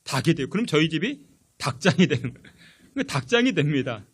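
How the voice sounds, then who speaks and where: A man preaching a sermon in a high, bright-edged voice that rises and falls widely. He tells his stories with lively energy and keeps turning to the congregation with questions. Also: brisk, breathy edge. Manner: animated storytelling with rhetorical questions. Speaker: pastor.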